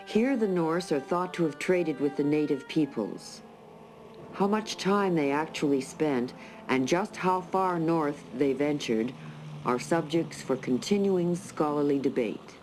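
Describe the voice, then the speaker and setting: A man reading scripted documentary narration in a measured, formal way. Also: fairly high pitch, a little mellow, soft background music, rough recording.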